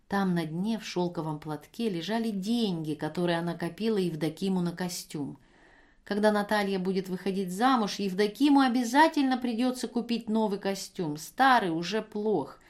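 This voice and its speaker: Woman audiobook narrator, measured steady delivery, mid voice. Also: medium pitch.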